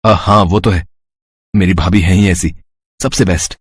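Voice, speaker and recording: A man's voice: deep voice, steady tone, normal speed, slightly rough, no echo. A young man voicing male figures in a cartoon story, playful and stammering when flustered. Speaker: voice actor for several male figures.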